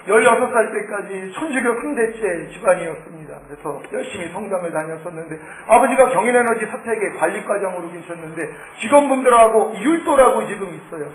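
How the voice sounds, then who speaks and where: A middle-aged man preaches a testimony in a high voice, telling his story with strong emotion. He acts out heartfelt prayers in an animated way. The sound is roomy and echoing. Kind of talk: sermon testimony.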